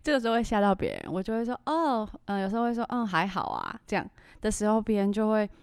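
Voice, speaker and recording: A woman's voice: mid-range voice, very fast, darkish tone, smooth, no room sound, clean studio sound. A woman hosting a podcast in casual chat, laughing often and acting out the reactions she quotes. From Taiwan. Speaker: podcast host.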